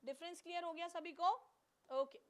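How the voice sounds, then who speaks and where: A woman teaches an online class in a high, light voice. She keeps asking the class a question and answering it herself. She moves between Hindi and English as she talks. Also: fairly even intonation, normal speed, fairly bright tone.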